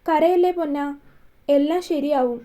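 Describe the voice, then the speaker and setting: A woman voicing a tender young man who gently soothes his fiancée over the phone in an audio story. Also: high voice, measured pace. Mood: soothing.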